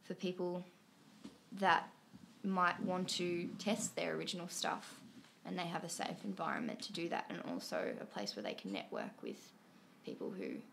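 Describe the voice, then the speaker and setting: A woman with a nasal tone and a gravelly, creaky edge, pitched a little low. She is a guest musician chatting casually on a podcast, easygoing and working out her thoughts as she goes. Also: big pitch swings, moderate pace, fairly bright tone, a little hiss or hum. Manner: easygoing, thinks aloud as she talks. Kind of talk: casual chat.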